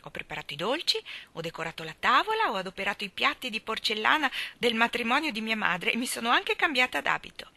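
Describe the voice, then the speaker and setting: A woman reading an audiobook, voicing a gentle, lonely woman in her forties who speaks softly and earnestly with a bashful edge. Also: on the high side, sing-song, quick pace, gravelly, hardly any pauses, dry recording, pitched above the performer's own voice, full character voice. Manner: soft, earnest, a little bashful. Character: gentle lonely woman of forty-five, whimsical, shy.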